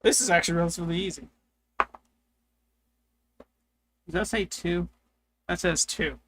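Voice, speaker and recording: In a hot, humid room with two PCs, a man live-streams, talking to himself in rambling, casual chatter as he plays. His high-pitched, fairly bright voice keeps fairly even intonation and a moderate pace but sounds crackly and strained.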